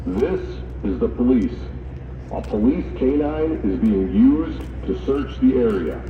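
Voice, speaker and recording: A male police officer giving firm, commanding dispersal orders over a loudspeaker like a bullhorn, outdoors on a city street at night. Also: mid-range voice, expressive, unhurried. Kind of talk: public address announcement. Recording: distant echoey loudspeaker, muffled, loud street noise.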